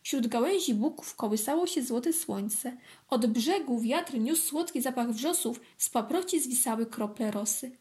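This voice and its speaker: A woman calmly and gently reading a children's story aloud. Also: fairly high pitch, unhurried. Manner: calm, clear, gently expressive.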